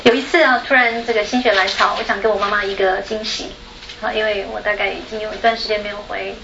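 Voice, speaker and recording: Fast-talking and gravelly, this woman from Taiwan has a mid-range voice, fairly even intonation, and a Taiwanese Mandarin accent. As a panel speaker she tells a personal story chattily, ending sentences with a soft particle and laughing a lot, in an echoey, dull recording with background noise.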